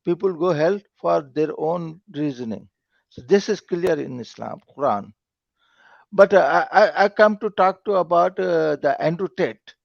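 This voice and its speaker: A man calling in to a live call-in show over a call line, speaking haltingly in simple, broken phrasing with many repeated words. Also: fairly high pitch, animated, vocal fry, no echo. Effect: call-in caller heard over a lo-fi call line. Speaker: call-in caller. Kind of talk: casual debate on a call-in stream. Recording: dull lo-fi call audio.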